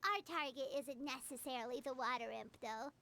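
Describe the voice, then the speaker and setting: A woman voicing a tiny floating girl companion in a game, with a high, childlike, bouncy voice. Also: fairly quick, pushed and bright, slight background noise. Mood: puzzled. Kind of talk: game voice acting.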